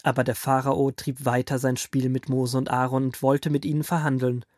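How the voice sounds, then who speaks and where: A man narrating as a grandfather figure, reading a Bible story aloud in a calm storytelling manner for a children's audio drama. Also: medium pitch, normal speed, no echo, clean studio sound, lightly acted.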